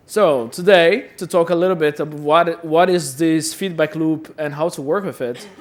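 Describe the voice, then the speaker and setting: A Brazilian man speaks at a normal speed in a somewhat high voice, delivering a chatty, self-deprecating talk at a conference. He often repeats words as he goes, addressing the audience in a conference hall.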